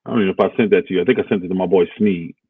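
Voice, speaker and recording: Low voiced guy rambling about hoops trades, lots of ums, dry tinny phone sound. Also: fairly even intonation, rapid-fire, husky, no echo. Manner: laid-back, rambling, thinks aloud with fillers. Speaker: co-host of a basketball talk stream. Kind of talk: casual sports talk livestream.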